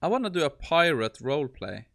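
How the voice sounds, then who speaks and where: A man's voice: on the high side, very animated, brisk, vocal fry, a bit bright. A man hosting a tech live stream, amused and exasperated as he tests a voice assistant. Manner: amused, exasperated, laughing asides. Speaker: tech livestream host. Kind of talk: casual live-stream testing.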